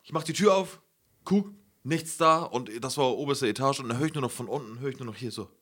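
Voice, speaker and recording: A man's voice: mid-range voice, a little fast, fairly bright tone, breathy edge. A young man hosting a podcast, telling a story to friends in a casual, slangy way and swearing freely. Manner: slangy, swears a lot, keeps saying "Alter" and "Digga". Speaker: podcast host.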